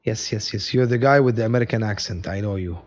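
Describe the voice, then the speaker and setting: A man's voice: fairly low pitch, fast talker. A male teacher running a live online revision session, chatty and joking, greeting viewers by name and mixing in Arabic phrases.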